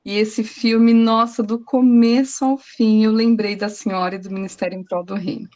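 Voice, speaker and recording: A woman's voice: on the high side, little pitch movement, normal speed, dark tone, lo-fi sound. Earnest woman sharing a testimony. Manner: earnest, emotional, hesitant restarts. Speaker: group member.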